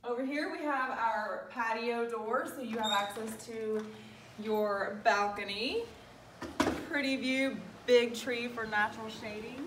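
A woman's voice: on the high side, steady tone, unhurried, far from the mic. A woman in her thirties or forties giving an upbeat, gushing sales tour of a home as a real estate agent, recorded by a camera a few steps away in an empty apartment. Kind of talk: friendly promotional walk-through tour. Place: empty carpeted apartment, indoors. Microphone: handheld camera a few steps away. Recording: roomy echo, off-mic, faint-to-clear noise.

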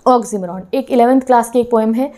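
A woman's voice: a little high, normal speed, warm tone. A woman teacher explaining lessons in an online class. She mixes in English terms, asks her students questions and keeps checking that they follow. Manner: keeps checking in with "theek hai".

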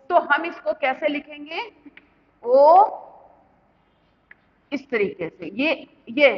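A woman teacher explaining a lesson step by step, asking the class questions and answering them herself. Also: sits high. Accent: Indian Hindi. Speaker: school teacher. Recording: muffled lo-fi with long reverb.

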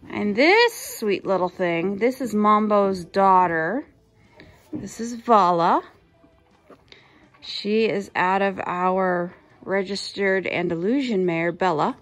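A woman's voice: medium pitch, soft background music. Woman, 30s, farm owner, friendly casual tour, phone-recorded. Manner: friendly, unhurried, introducing animals one by one. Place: outdoors and in a barn on a small farm. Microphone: handheld phone camera.

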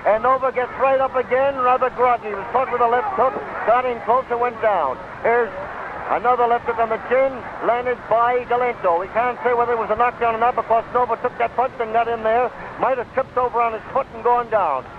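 An American man calls a fight blow by blow in 1930s radio style from ringside at an outdoor stadium, his voice extremely high-pitched, steady in tone, and brisk. The recording is a tinny, noisy 1939 radio broadcast.

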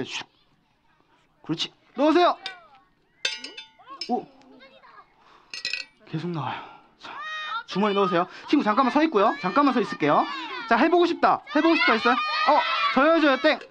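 Animated young man, kids' party magician. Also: extremely high pitch, moderate pace, long pauses, lo-fi sound, noisy background. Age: young adult. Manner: animated, coaxing, often calling out loudly to the crowd. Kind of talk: kids' party magician patter with simple instructions to children. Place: outdoor park performance before seated children. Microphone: headset. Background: music.

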